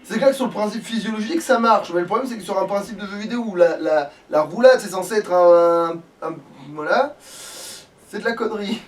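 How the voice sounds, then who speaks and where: A gamer in a let's play video rattles off casual, sweary, slangy commentary in a high voice, brisk and with hardly any pauses. The mic is distant and picks up background noise.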